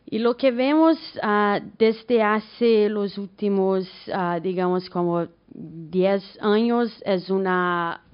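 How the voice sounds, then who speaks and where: A woman from Brazil with a Brazilian Portuguese accent, giving a conference talk in a halting mix of Spanish and Portuguese. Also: mid-range voice, smooth, highs cut off. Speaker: academic speaker, economist.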